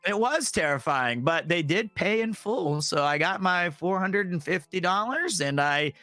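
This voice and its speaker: Guy voice actor telling a crazy story, a bit higher voice, animated, acting out voices. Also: unhurried, dry recording, soft background music. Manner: animated, acts out quoted voices. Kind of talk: casual storytelling on stream.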